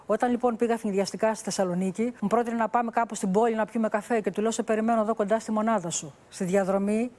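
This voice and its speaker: A woman's voice: fairly high pitch, fairly even intonation, hardly any pauses, darkish tone. Woman, TV journalist, vivid storyteller, quotes dialogue, interview recounting.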